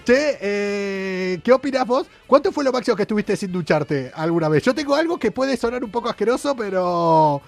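A man's voice: sits high, expressive, normal speed, gravelly, hardly any pauses, soft background music. A man with an Argentine accent hosting a casual radio chat show, joking and laughing often. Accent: Argentine Spanish. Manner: joking, laughs often, sometimes sings lines.

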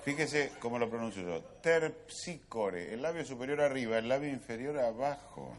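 An actor playing a fussy, formal language pedant who lectures on pronunciation in a comedy sketch. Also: male voice, mid-range voice, brisk, natural voice. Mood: instructive. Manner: formal, lecturing, over-precise.

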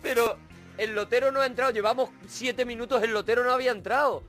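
A man's voice: very high-pitched, fairly even intonation, fast talker, fairly bright tone, faint music behind. A man hosting a comedy radio show, bantering casually and teasing a caller with jokey interjections.

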